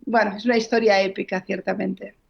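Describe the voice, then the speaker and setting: A woman's voice: medium pitch, little pitch movement, brisk, vocal fry, breathy edge, muffled recording. A woman novelist, answering interview questions and telling stories earnestly, often correcting herself mid-sentence. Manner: fluent, earnest, with frequent self-corrections. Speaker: novelist guest.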